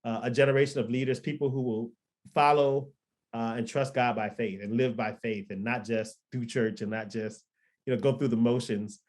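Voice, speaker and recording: Speaking at a normal speed with medium pitch, fairly even intonation, and a slightly mellow tone, a man in his thirties shares his testimony in a relaxed podcast interview. Born in Liberia and raised in Florida, he works as a pastor and record producer, and his rambling account is full of ums and restarts.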